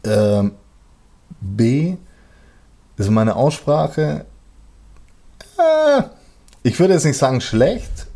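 With a warm mid-range voice, big pitch swings, drawn-out words and vocal fry, this man pauses often. He's a rapper and musician whose first language is German, speaking colloquially in casual conversation and frequently hesitating to find words.

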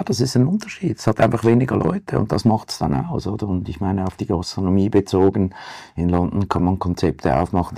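Deep gravelly Swiss-German man. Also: warm tone, no room sound, studio quality. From Zurich, Switzerland. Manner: tags sentences with "oder?". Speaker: vegetarian restaurant owner. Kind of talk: panel discussion.

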